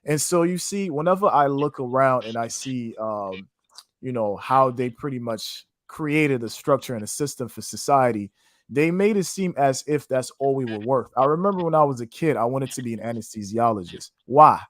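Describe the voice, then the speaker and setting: In clean studio sound with no echo, a Haitian trading educator gives an animated interview answer at a moderate pace in a medium-pitched voice. His casual, preacher-like delivery is passionate and faith-filled, with "man" and "you know what I'm saying."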